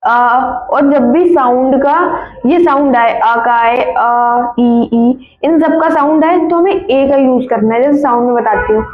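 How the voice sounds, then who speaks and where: A woman teacher giving a classroom grammar lesson. She repeats words often and keeps asking her students questions. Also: sits high. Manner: corrects her own slips with quick apologies. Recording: echoey room, dull lo-fi sound.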